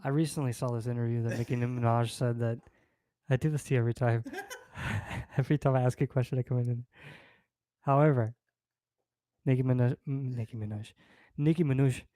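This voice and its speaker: A man's voice: mid-range voice, steady tone, quick pace, dark tone, no room sound. Man joking crudely on a dry mic. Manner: crude, teasing, riffing jokes. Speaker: podcast co-host. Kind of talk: casual chat.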